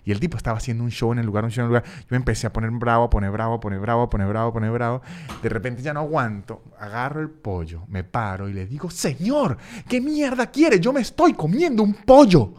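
A Venezuelan man with a Venezuelan accent tells a comic story casually, as a podcast host. He is animated, swears freely and repeats phrases for effect. His voice sits at an ordinary middle pitch. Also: racing. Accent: Venezuelan Spanish.

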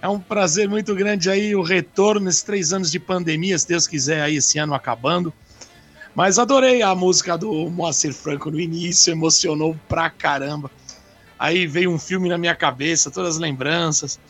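A man's voice: fairly high pitch, normal speed, a bit bright, soft background music. A Brazilian man co-hosting a radio show in casual, conversational chat.

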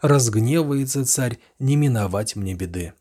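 Sly folksy peasant trickster for a storybook tale, husky male reader acting it out. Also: medium pitch, animated, measured pace, dark tone. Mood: fretful. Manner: folksy, muttering to himself. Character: sly peasant man posing as a fortune-teller.

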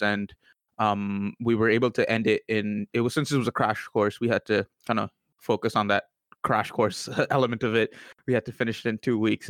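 A nineteen-year-old man co-hosts a casual student podcast. His voice is low and smooth, recorded dry and close. He talks with plenty of fillers, halting and restarting his sentences. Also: no echo. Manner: hesitant, many fillers and restarts. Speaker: podcast co-host. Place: student university, Canada.

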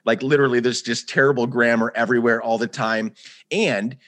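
A man's voice: medium pitch, steady tone, brisk, fairly bright tone. A man hosting a conversational interview, who grew up in Guatemala, talking earnestly in long run-on thoughts. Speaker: host.

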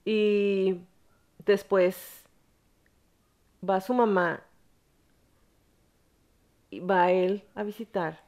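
A woman's voice: mid-range voice, steady tone, drawn-out words, long pauses, a little mellow, highs cut off. A woman hosting a podcast, telling a story frankly in casual, slangy conversation with blunt profanity. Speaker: podcast host.

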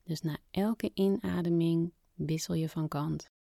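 A woman speaking softly and gently as a podcast host guiding a calming breathing exercise, with phrase endings that fade toward a whisper. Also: on the low side, measured pace, vocal fry, no echo, clean studio sound. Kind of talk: soft, soothing guided relaxation narration.

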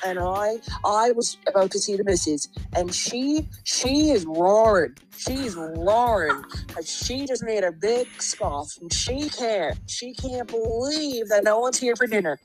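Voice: medium pitch, animated, unhurried, over music, voice pushed up, close to an everyday voice, low-quality recording. A young adult voicing a folksy male Nova Scotian local with a thick Nova Scotian accent, rambling about the missus. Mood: jokey. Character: gruff male Cape Breton local.

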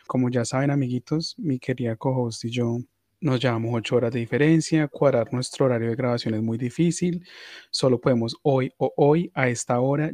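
A man's voice: medium pitch, darkish tone, no echo. A man hosting a comedy podcast, ranting crudely with mock-pious asides. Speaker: podcast host.

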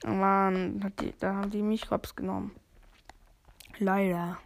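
A woman's voice: medium pitch, flat delivery, unhurried, creaky. A woman giving casual, chatty let's play commentary, thinking aloud in slangy language as the game goes. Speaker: gamer commentating own play.

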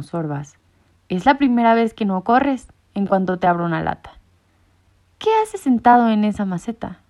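A woman voicing a kindly adult man, a family friend, who talks gently with light teasing. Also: medium pitch, natural voice. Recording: muffled lo-fi recording.

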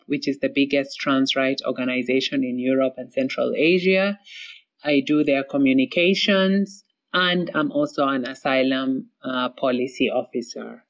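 A woman's voice: very deep voice, lo-fi sound. A woman from Somalia telling her story as an interview guest, earnest, with many fillers and repeated words.

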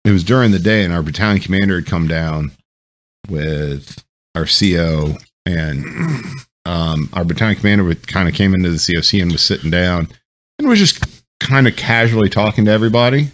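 A man's voice: deep voice, fairly quick. A man telling military stories in a loose, rambling chat, with lots of ums and swearing. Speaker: podcast host. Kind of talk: casual storytelling chat.

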